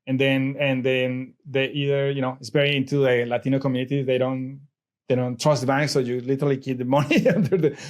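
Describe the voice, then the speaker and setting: A middle-aged Colombian man, a native Spanish speaker with a Colombian Spanish accent, appears as a guest on a casual interview; he's a real estate investor. His mid-range voice stays level and moves fairly quickly. He rambles, restarting often and leaning on fillers.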